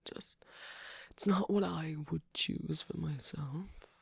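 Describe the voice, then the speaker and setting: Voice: mid-range voice, slow pace, gravelly, husky, no echo, clean studio sound, heavily acted. Someone voicing Shadow Milk Cookie, sly whispering trickster. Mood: teasing. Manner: teasing, sarcastic, soft whispering with sudden laughs. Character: sly mocking male cookie trickster, manipulative. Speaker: ASMR roleplay performer. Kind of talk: ASMR roleplay.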